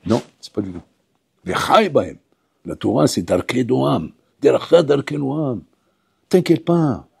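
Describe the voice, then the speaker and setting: A man, a rabbi, teaching a lively Torah class to yeshiva students. He talks to them directly and acts out little dialogues. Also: mid-range voice, measured pace, creaky, slightly rough, dry recording. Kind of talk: animated Torah lesson. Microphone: audio recording of a class.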